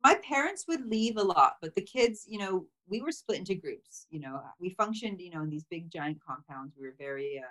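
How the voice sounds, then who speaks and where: Talking a little fast with hardly any pauses, this woman has a lowish, animated voice, captured on poor audio. She grew up mostly in Thailand and appears as a memoir author in a casual chat, soft-spoken and reflective, with frequent "you know"s and light laughter.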